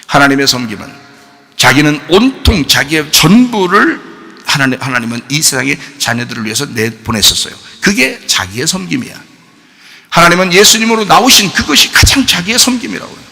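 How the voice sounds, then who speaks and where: A man pastor preaches a lively sermon in a church sanctuary, his voice ranging widely as he acts out quoted lines. The tone is bright and gravelly with some huskiness. A long reverb hangs in the hall around him. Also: brisk, soft background music. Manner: animated, asks the congregation questions; acts out quoted voices with big swings in pitch and loudness.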